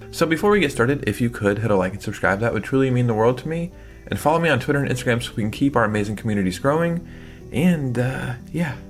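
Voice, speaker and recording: A man hosting a casual gaming tutorial vlog, upbeat and chatty, leaning on "like" and laughing at his own slips. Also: medium pitch. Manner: upbeat and chatty, heavy use of "like". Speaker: gaming YouTuber.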